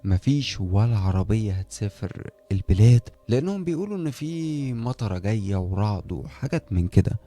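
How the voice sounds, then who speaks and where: A man's voice: fairly low pitch, very animated, fairly quick, warm tone. A man voicing a friendly, talkative young male neighbor with an Egyptian accent who keeps asking curious questions. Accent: Egyptian Arabic.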